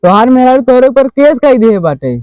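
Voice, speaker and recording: A man with an Awadhi accent playing a policeman in a rustic comedy sketch, giving gruff, bossy orders. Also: very high-pitched, animated, fairly quick, darkish tone, highs cut off, slight background noise. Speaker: comic actor playing a policeman.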